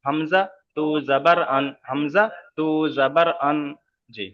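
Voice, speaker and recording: A man teaching Quran reading in an online class, patient, repeating each sound slowly over a video call. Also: fairly high pitch, fairly even intonation. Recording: slightly dull online call audio.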